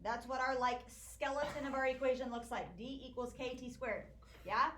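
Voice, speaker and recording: High-voiced woman teaching a math class. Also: normal speed, slight background noise. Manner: hushing a chatty class, walks through problems step by step. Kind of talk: classroom lecture. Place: classroom with noisy students. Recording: echoey classroom recording.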